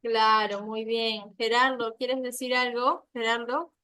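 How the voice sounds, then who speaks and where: A woman from Peru with a Peruvian accent teaching an online class, explaining step by step and often checking with quick tag questions. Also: fairly high pitch, fairly even intonation, bright, forceful tone, smooth, no echo. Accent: Peruvian Spanish.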